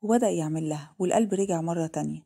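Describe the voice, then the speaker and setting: A woman's voice: fairly low pitch, vocal fry, dark tone, slightly rough. A woman with an Egyptian Arabic accent narrating a dramatic story. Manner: rapid, plain reading.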